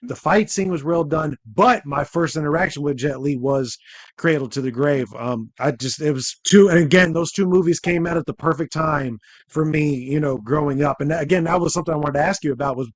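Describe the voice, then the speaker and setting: A man's voice: a little high, fairly quick, dry recording. Enthusiastic man hosting, dry sound. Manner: enthusiastic fan, talkative. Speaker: podcast host. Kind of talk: casual interview chat.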